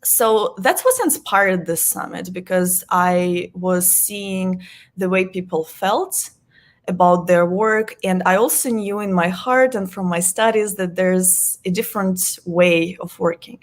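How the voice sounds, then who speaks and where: A woman's voice: fairly low pitch, slow pace. Earnest woman. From Russia. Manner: earnest, explanatory, with light laughs. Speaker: guest, workplace psychologist. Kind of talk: online interview.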